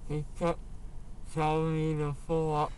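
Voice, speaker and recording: A young man in his late teens, groggy from anesthesia, chats casually and haltingly, his speech slightly impeded by a numb mouth after tooth extraction. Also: on the high side, completely flat delivery. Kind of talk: casual chat. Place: inside a parked car. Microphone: handheld camera at close range. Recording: noisy handheld camera audio in car.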